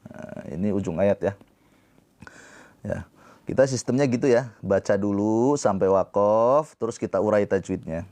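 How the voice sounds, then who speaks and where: A man teaching tajwid on a live stream, explaining slowly and patiently and breaking into drawn-out chanted recitation. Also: on the low side, a little mellow. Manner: talks to viewers in the comments.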